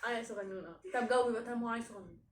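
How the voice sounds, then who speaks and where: High-voiced Egyptian woman in an echoey room. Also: rapid-fire, crowd noise. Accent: Egyptian Arabic. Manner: competitive, bantering. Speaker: singing challenge contestant and questioner. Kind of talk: playful casual quiz chat. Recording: echoey room, faint background noise.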